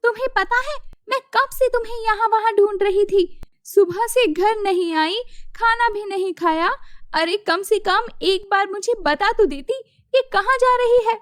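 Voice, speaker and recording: A woman voicing a sharp-tongued middle-aged mother who scolds a stranger in a cartoon story. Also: very high-pitched, unhurried, no room sound, studio quality. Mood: fussing. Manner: scolding, brusque.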